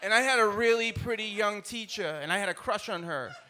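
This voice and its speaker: A middle-aged stand-up comedian from South Boston tells stories to a live audience in a blunt, colloquial Boston accent. His voice sits high and runs a little fast. Captured on a stage mic, the low-quality live recording has music and other noise behind him.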